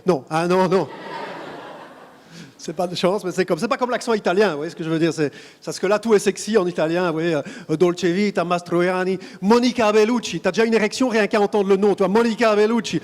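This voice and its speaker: A man's voice: high-pitched, big-room sound. A young Belgian man with a toned-down Belgian accent, performing a stand-up comedy set on a theatre stage, with dry offhand asides. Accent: Belgian French, toned down. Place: theatre stage before a live audience.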